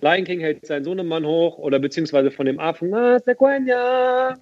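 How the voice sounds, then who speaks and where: A man in his thirties, a podcast guest chatting casually in a lively, talkative way with many restarts and fillers. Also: a little high, fast talker, dry recording, lo-fi sound. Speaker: guest, event presenter.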